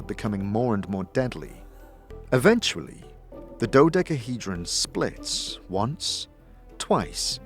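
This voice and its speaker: A man with a fairly low-pitched voice narrates a fantasy tale. His storytelling is scripted and dramatic, deliberate and full of suspense.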